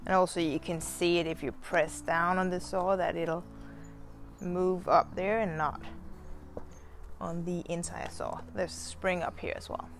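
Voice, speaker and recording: A woman in her thirties talks viewers through a hands-on demonstration in an easy, unhurried way, taking her time between phrases. She sounds relaxed and chatty, with the odd filler, recorded outdoors on a clip-on mic. Soft music sits quietly underneath. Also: fairly low pitch. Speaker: chainsaw channel host. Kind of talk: casual demonstration. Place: outdoors in a garden.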